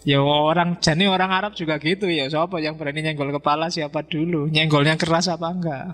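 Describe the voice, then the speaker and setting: A man's voice: fairly high pitch, a little fast. Man lecturing in an echoing hall. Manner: relaxed, joking, asks the audience questions. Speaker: philosophy lecturer. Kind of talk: informal philosophy lecture. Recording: reverberant hall with faint music.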